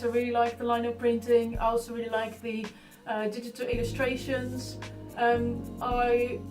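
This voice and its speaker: A Dutch woman from the Netherlands with a higher voice talks informally about her own life and art as the subject of an artist profile. The recording is echoey, with a distant mic and music behind her.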